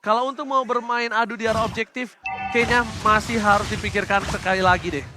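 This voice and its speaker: A man doing live play-by-play esports commentary as a caster, with an excitable delivery. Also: sits high, a little fast, over music. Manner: excitable, builds to shouting at big plays.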